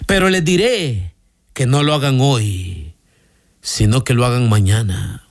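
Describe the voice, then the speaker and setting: A man's voice: unhurried, dry recording, studio quality, close to an everyday voice. A man voicing a sly, patient male demon who tempts people to put things off. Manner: calm, sly and low.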